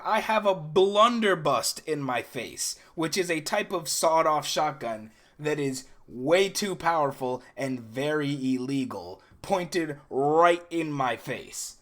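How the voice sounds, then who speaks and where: A young man recounting things in a casual first-person storytelling style, animated and acting out the dialogue as he goes. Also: a little high. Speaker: video creator recounting dreams.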